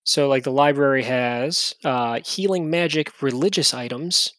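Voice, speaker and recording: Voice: medium pitch, unhurried, fairly bright tone, no room sound. A game master running a tabletop game, casually listing options with lots of fillers. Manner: casual, many fillers and restarts, lists items. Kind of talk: tabletop game narration and chat.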